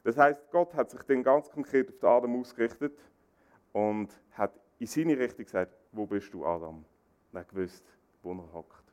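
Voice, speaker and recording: A man preaching a sermon, animated, acting out quoted dialogue. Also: normal speed. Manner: animated, acts out quoted dialogue with rising pitch.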